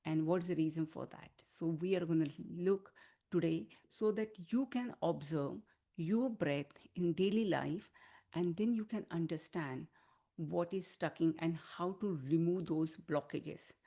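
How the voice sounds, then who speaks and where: A woman leading an online wellness class as a healing teacher, giving soothing, unhurried instruction. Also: on the low side, warm tone. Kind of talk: online wellness class talk with guided relaxation.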